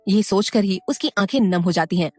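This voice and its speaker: A woman's voice: mid-range voice, fairly quick, a little mellow, no echo, faint music behind. A woman narrating a scripted audio story, with friendly asides to the listener.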